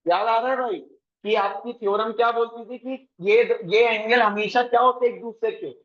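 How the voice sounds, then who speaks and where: A man teaching a coaching class, briskly quizzing his students and mixing English math terms into his talk. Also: very high-pitched, fairly even intonation, muffled recording. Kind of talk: classroom lesson.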